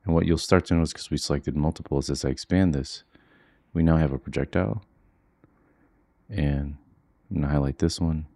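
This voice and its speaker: A man teaching a software tutorial from home in a quiet, low-key monotone, walking through each step casually with plenty of fillers. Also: fairly quick, gravelly, long pauses. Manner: relaxed walkthrough with frequent fillers. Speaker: coding instructor. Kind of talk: screen-recorded software tutorial. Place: home, with children asleep nearby.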